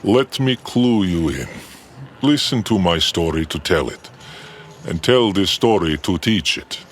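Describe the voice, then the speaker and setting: A man voicing a scheming Boryot outlaw who talks smoothly and slyly in a slow drawl. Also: sits low, lively intonation, slight background noise.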